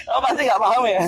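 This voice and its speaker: A man's voice: extremely high pitch, gravelly, husky. A young man, performing street magic outdoors in a park and teasing the people he plays with in a chatty, playful way. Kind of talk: casual street performance patter.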